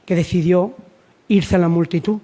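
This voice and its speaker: A man's voice: high voice, fairly even intonation, normal speed, mellow. A man from Spain preaching a sermon, urging his listeners with repeated lines and rhetorical questions. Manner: repetitive, exhortative, rhetorical questions.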